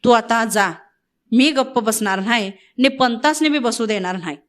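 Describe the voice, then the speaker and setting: A woman's voice: a little high, moderate pace, natural voice. A woman reading the part of a bold young village hero who speaks in a commanding tone. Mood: firm.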